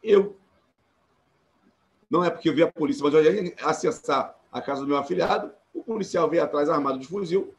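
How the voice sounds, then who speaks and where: A Brazilian man with a Carioca accent speaks through a video call, his voice sitting a little high for a man. He talks earnestly and with emphasis, and he often restarts his sentences as a panelist in a live discussion. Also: a little fast, creaky, dull audio, slight background noise. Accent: Carioca Portuguese. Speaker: panelist, former law student and activist. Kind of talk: live-streamed panel talk.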